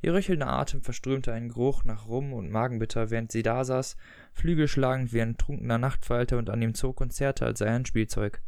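A man's voice: medium pitch, fairly quick, gravelly, darkish tone, clean tone, dry recording, studio quality. Chatty man talking books. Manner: chatty, loose with restarts. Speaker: book reviewer. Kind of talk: casual book chat and reading aloud.

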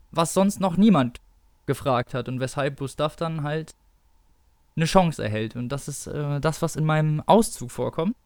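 A man's voice: a little high, clear, resonant tone, dry recording. A man, an author, casually retelling his story with many fillers, then reading an excerpt from it aloud. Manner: loose, filler-heavy retelling. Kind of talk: casual chat and read-aloud narration.

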